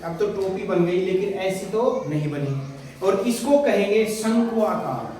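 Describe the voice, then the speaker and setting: A man's voice: high-pitched, expressive, measured pace, mellow. A man teaching young pupils in a classroom, asking questions and repeating the answers back to them. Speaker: primary school teacher. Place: school classroom. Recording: very echoey classroom, far from mic, noisy.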